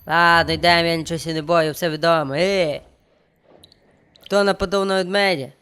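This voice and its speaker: Here a young streamer keeps up joking, playful commentary, addressing the game and viewers while he plays. The voice is fairly high and steady, brisk and bright, with a forceful, clear, resonant tone.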